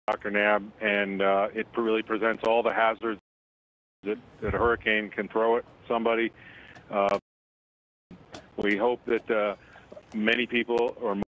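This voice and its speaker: A man speaking as a weather forecaster over a phone line in a live news interview, serious and measured, with halting phrases. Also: lowish voice. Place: indoors at a forecast office. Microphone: telephone. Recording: band-limited phone line.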